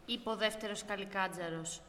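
A woman's voice: medium pitch, big-room sound. A woman narrating a folk tale, speaking directly to the listeners. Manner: warm, addressing the listeners directly. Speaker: storyteller.

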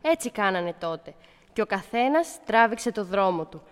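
A woman's voice: mid-range voice, sing-song, smooth, in a large hall. A woman narrating a folk tale, speaking directly to the listeners. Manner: warm, addressing the listeners directly. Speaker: storyteller.

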